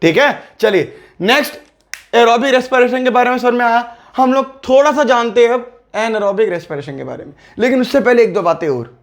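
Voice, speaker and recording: A man's voice: very high voice, lively intonation, a little fast. A young man teaching biology for exam prep, friendly and coaxing. He repeats key terms and asks and answers his own questions.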